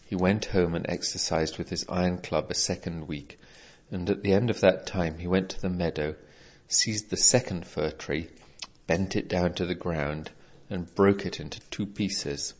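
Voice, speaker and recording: A man narrates an old folk tale in a measured storybook way. His voice is very low and steady. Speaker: reader.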